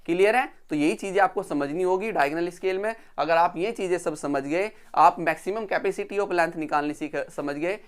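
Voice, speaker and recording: A man's voice: high voice, smooth. Male lecturer, patient step-by-step explainer who repeats points and checks in with students. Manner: counts slowly while drawing. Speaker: engineering drawing teacher. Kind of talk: recorded video lecture.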